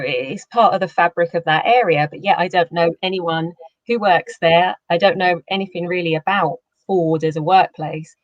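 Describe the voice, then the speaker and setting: A woman's voice: lowish voice, dry recording. A woman author talking earnestly about her short story and then reading its opening. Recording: muffled lo-fi sound.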